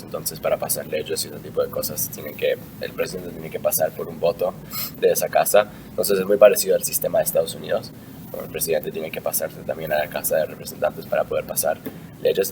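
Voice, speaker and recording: A young man from Argentina answering interview questions in a casual, hesitant way, with frequent fillers and restarts. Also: deep voice. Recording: distant mic with clear background noise.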